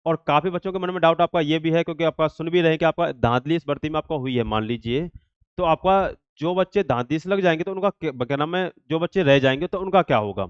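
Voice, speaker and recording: Speaking fast in a high-ish, clear, resonant voice, this exam-update channel host and coach explains the latest to students informally. He repeats points and relies on fillers and verbal tics; the audio is dull, without echo.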